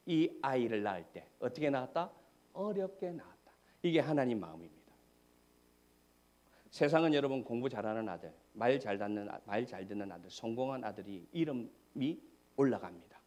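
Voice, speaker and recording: A man preaching a sermon as pastor, asking the congregation questions and swinging between shouted climaxes and hushed whispers. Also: medium pitch. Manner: dramatic preaching, rising to shouts and dropping to whispers.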